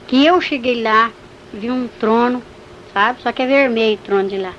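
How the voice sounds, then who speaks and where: A woman with a fairly high voice tells her religious testimony vividly and with emotion. The recording is slightly dull and carries a faint hiss. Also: moderate pace, a bit bright. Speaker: church testimony speaker.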